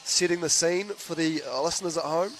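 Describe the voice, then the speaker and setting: A man with a New Zealand accent doing live basketball commentary in a relaxed, chatty way, trading jokes with his co-host. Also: on the high side, fairly quick, a little hiss or hum. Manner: laid-back, chatty, laughs easily. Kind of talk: live sports commentary with banter.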